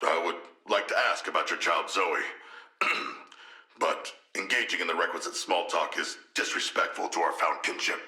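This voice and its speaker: A huge humanoid shark from a video game speaks these voice lines in a very low, hard-edged male voice within an echoing space. He is a proud yet gentle scholarly villain whose dry, aloof delivery is deadpan, formal, eloquent, and measured.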